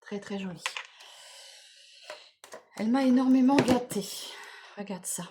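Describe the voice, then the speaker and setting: A woman in casual vlog chat, enthusiastically presenting gifts to her viewers, repeating words and filling pauses as she goes. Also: fairly high pitch, background noise. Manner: chatty, enthusiastic, many fillers and repeated words. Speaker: beauty vlogger. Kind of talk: casual unboxing chat to camera.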